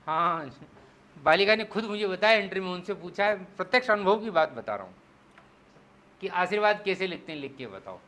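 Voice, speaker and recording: A man teaching Hindi spelling in an exam-prep lecture, explaining step by step and slowing down to spell out syllables. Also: high-pitched, animated, sharp tone. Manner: explains step by step, asks the class "clear?".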